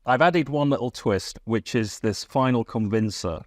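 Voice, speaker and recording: A man explaining a mentalism card routine in a relaxed, wry way, with asides. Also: medium pitch, moderate pace, no echo, clean studio sound. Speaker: magic instructor. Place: London studio.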